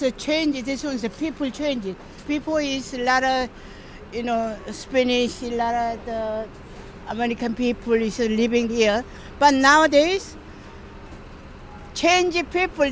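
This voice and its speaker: High-pitched Korean-accented woman, slow halting English. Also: a bit bright, slight background noise, rough recording. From South Korea. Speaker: shopkeeper being interviewed.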